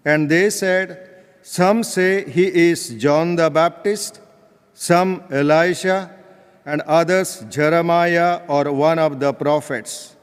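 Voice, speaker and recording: A man, a priest, reading the Gospel and preaching in a solemn, deliberate manner, his voice ringing with cathedral echo. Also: on the high side, fairly even intonation, smooth. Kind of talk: liturgical Gospel reading and homily. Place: large church, live Mass. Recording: cathedral echo, long church reverb.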